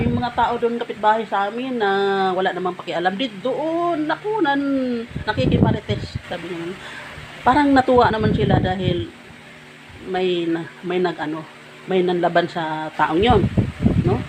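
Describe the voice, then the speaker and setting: A woman's voice: medium pitch, normal speed. A woman vlogger casually telling a personal story to her viewers, chatty and full of fillers. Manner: chatty, addresses viewers as guys, many fillers like ano. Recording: noisy background.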